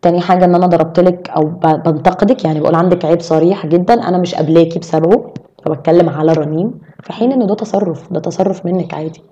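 A young woman with an Egyptian Arabic accent speaks quickly as a podcast guest. Her voice sits a little low and sounds dark and mellow. She talks in a casual, animated way and keeps reaching for examples. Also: highs cut off. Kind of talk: casual chat.

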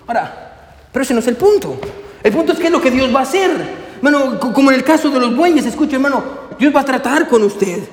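A man's voice: very high-pitched, expressive, fast. A man preaching a sermon as pastor, emphatic and repetitive, firing question after question at the congregation and calling them brother. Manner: emphatic, repeats questions, addresses listeners as brother. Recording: echoey hall.

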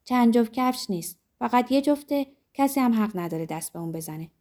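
Storybook girl: stubborn, insistent, higher than the reader's own voice, as a woman voices her. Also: lively intonation, a little mellow, close to an everyday voice. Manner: insistent, pleading. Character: stubborn upset young girl.

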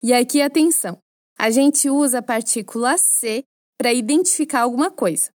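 A woman with a high voice and a Brazilian Portuguese accent gives a French lesson. She explains each phrase in a clear, teacherly way and keeps prompting the listener to repeat after her. The recording is close and dry. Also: moderate pace, a little mellow, no room sound.

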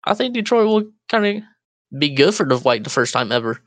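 A man's voice: fairly high pitch, big pitch swings, brisk, dry recording. A young man co-hosting a casual podcast over a voice call, joking loosely and laughing often. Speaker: podcast co-host. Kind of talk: casual chat. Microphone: Discord voice call.

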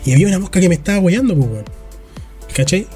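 A man's voice: high-pitched, animated, quick pace, dark tone, soft background music. A young Chilean man telling rambling stories in casual podcast chat, full of slang. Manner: rambling storyteller, heavy slang. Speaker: podcast co-host.

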